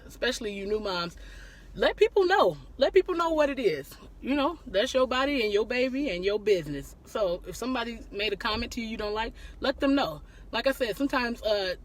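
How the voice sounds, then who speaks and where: Chatty leaning woman hosting a live stream. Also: mid-range voice. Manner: laughs often, greets viewers by name mid-talk. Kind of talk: casual live-stream chat answering viewer questions.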